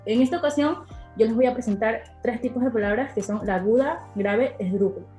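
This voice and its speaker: A woman's voice: fairly high pitch, brisk, mellow. A young woman giving a class presentation, hesitant, with many fillers. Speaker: student presenter. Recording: echoey room with faint music.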